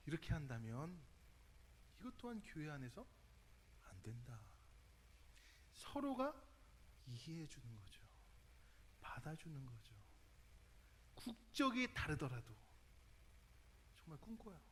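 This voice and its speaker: A middle-aged male pastor from Korea's Chungcheong region with a slight drawl, preaching a youth service sermon in a lively, conversational way and questioning the congregation. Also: on the high side, measured pace, long pauses, slight background noise. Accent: Chungcheong Korean, drawn-out speech.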